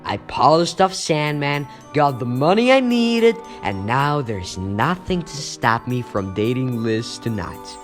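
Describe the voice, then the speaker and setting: A man playing an earnest, put-upon teenage superhero who thinks aloud dramatically in a comic book dub, anxious and quick to anger. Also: medium pitch, big pitch swings, faint music behind. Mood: relieved, eager.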